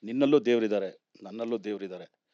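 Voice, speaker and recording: A man's voice: fairly low pitch, quick pace, warm tone, lo-fi sound. A man explaining numerology as a guest on a talk show, speaking animatedly, laughing often and mixing in English words. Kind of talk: conversational explanation.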